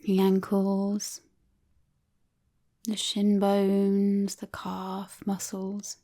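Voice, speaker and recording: A woman's calm, soothing voice guides listeners through relaxation. At a medium pitch, she speaks softly and breathily, frequently almost whispering, and lets long pauses stretch out.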